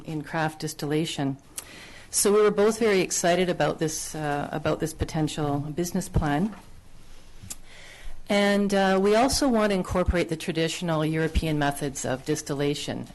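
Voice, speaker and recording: A woman with a low, somewhat dark voice stands at a podium microphone in a council chamber, earnestly laying out her business plan at a town council public hearing. As the applicant, she fills her speech with fillers and frequent restarts.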